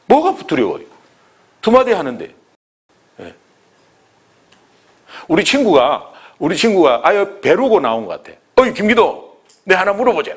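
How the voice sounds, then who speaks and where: A man who is a pastor, teaching an evangelism class in an animated way, acting out little dialogues and laughing along. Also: fairly high pitch.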